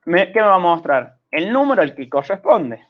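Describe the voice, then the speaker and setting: A man with an Argentine accent teaches programming, his voice sitting a little high for a man. He explains step by step and keeps checking that the class follows. The sound is dull and lo-fi, like a video call. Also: sing-song, normal speed. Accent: Argentine Spanish. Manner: patient, checks understanding with frequent "¿sí?".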